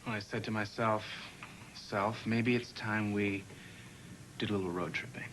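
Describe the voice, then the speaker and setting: A man's voice: fairly low pitch, fairly even intonation, moderate pace, background noise, lightly acted. An actor playing a wry, joking young man, a loyal best friend, in a 1990s daytime soap opera.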